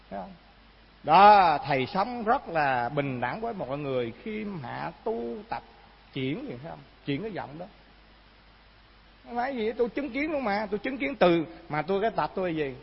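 A Buddhist monk delivers an animated sermon full of rhetorical questions. His voice is high and husky. The recording is muffled and lo-fi, with the long reverb of a large hall. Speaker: Buddhist monk giving a dharma talk. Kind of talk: sermon with folk anecdote.

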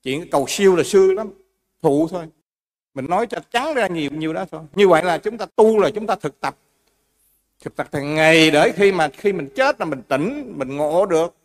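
A man gives a Buddhist dharma talk in a fairly high voice. He explains with homely examples and keeps turning to the listeners with questions. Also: lively intonation, moderate pace. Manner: explains with everyday examples, asks the audience questions. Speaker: Buddhist monk teacher.

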